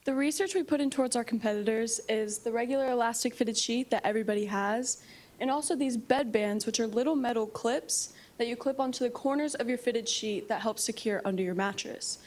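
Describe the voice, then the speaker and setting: A young woman presenting a rehearsed startup pitch as part of a team in a meeting room. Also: fairly quick, a little mellow. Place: meeting room, standing before seated judges.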